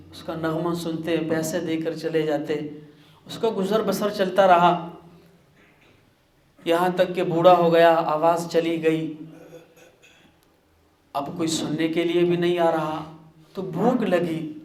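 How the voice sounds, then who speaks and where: Male preacher, high-pitched, dramatic story sermon, echoey room. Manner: dramatic storytelling, swinging between hushed and raised passages.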